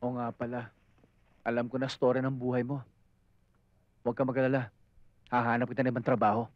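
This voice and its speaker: An actor playing a caught-out young boyfriend who pleads and coaxes, in dry, dull film dialogue with music. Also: male voice, mid-range voice, little pitch movement, fairly quick, no echo, natural voice. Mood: kind. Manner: pleading, coaxing. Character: sweet-talking caught-out boyfriend, young man.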